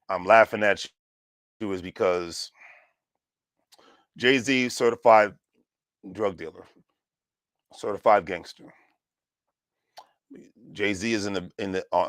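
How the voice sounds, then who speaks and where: A man's voice: on the low side, takes it slowly, long pauses, fairly bright tone, no echo. A man of about forty hosting his own channel, talking in a rambling, sarcastic way and often restarting his sentences. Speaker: channel host. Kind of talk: casual vlog commentary.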